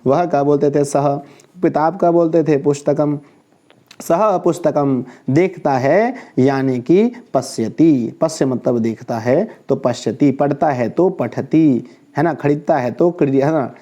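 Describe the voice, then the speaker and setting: A man's voice: on the high side, normal speed, warm tone, lo-fi sound. A male Sanskrit teacher giving an online class lecture, reciting verb forms in rhythmic lists, quizzing his viewers and correcting his own slips as he goes.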